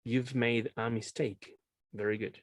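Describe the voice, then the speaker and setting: A man's voice: mid-range voice, level tone, slow pace. A male teacher leads an online class through a computer microphone. He explains patiently, often stops to check understanding, and moves easily between two languages. His voice sits in a middle range, and the recording is dry with no room echo. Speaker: English teacher.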